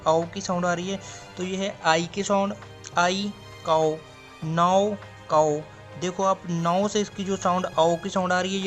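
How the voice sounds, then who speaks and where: A man explaining a stenography lesson step by step, drawing out example words and answering his own questions. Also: high voice. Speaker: stenography teacher. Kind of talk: classroom explanation.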